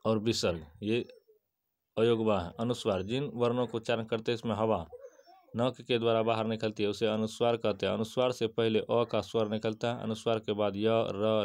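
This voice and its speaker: A man giving an exam-prep grammar lesson, reciting definitions and examples in a steady list-like way and answering his own questions. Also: lowish voice, normal speed. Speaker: teacher.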